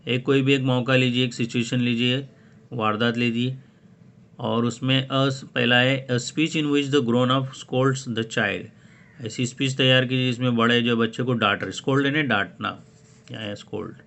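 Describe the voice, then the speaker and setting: A man's voice: mid-range voice, steady tone, measured pace, vocal fry, a bit bright. A man teaching a lesson on an English poem, who reads English phrases and then explains each one in Hindi-Urdu.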